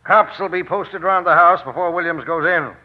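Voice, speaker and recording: An actor playing a brisk, confident newspaper man with slangy, snappy talk in an old radio drama. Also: high-pitched. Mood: brisk, assured. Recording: dull lo-fi old radio recording.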